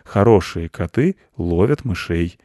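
A sly, hungry male cat, voiced by a male storyteller, speaks calmly and easily. The recording is dry and close. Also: deep voice, a little slow, no room sound.

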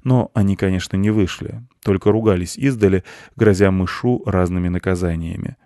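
A man reading a children's story aloud in an expressive, animated way. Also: low voice, a little fast, no echo, studio quality. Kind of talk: storybook narration.

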